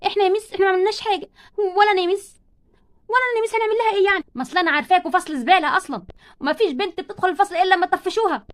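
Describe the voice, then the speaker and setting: A woman's voice: extremely high pitch, very fast. A woman with an Egyptian accent voicing snooty schoolgirls who sneer at a classmate in a doll play story. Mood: sly. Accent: Egyptian Arabic. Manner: sneering, scornful. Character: mean mocking schoolgirls, snooty and catty.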